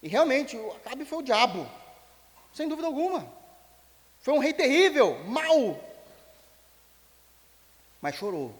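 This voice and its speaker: A Brazilian man preaching a sermon as pastor, telling a story in an animated way and acting out its dialogue. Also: very high-pitched, measured pace, long pauses. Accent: Brazilian Portuguese. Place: church sanctuary. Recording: long church hall reverb.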